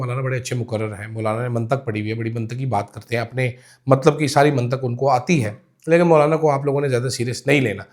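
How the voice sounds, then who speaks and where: Sarcastic Pakistani man doing political commentary. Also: mid-range voice. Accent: Pakistani Urdu. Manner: sarcastic, mocking asides with quoted voices.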